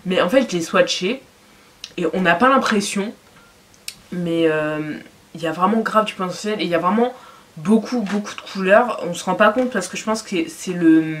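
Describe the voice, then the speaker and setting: A young woman gushes over her latest buys in a casual haul vlog, her talk full of fillers and little exclamations. Her voice sits a touch low for a woman. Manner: enthusiastic, chatty, with frequent fillers. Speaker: fashion and beauty vlogger. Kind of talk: casual haul video chat.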